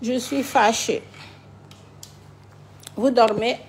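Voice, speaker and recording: A woman's voice: on the high side, steady tone, very slow, a little hiss or hum. A woman hosting a late-night live stream, agitated and complaining as she talks to her viewers. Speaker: livestream host.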